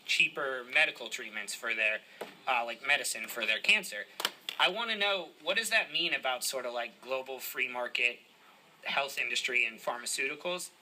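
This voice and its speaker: Putting on a Massachusetts accent, a man with a mid-range voice plays a brash prank caller who calls himself D-Spin. He's cocky and overly chummy, and he gets loud and indignant. The call is recorded from a phone on speaker, so the audio is poor with a little hiss or hum.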